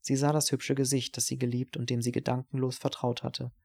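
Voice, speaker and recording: Gravelly male audiobook narrator. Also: medium pitch. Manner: measured, even storytelling.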